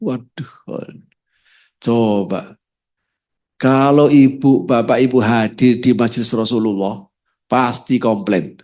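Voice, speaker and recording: A man giving a conversational Quran study lecture in a mosque, telling stories lively and speaking straight to the audience. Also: mid-range voice, takes it slowly, long pauses. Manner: lively storytelling, talks directly to the audience. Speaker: preacher.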